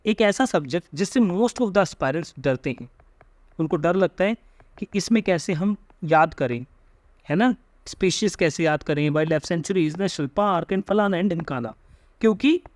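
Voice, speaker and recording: A young man with an Indian accent giving emphatic study advice straight to his viewers, peppering his talk with quick check-ins. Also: a little high, animated, no room sound. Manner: emphatic, repeats tag questions like "theek hai". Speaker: exam coaching guide. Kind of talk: direct-to-camera study advice.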